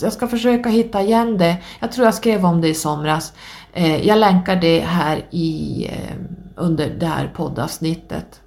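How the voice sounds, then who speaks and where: A woman's voice: lowish voice, a little mellow. A woman hosting a podcast, talking alone in a rambling, casual way with many hesitations and restarts. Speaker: podcast host.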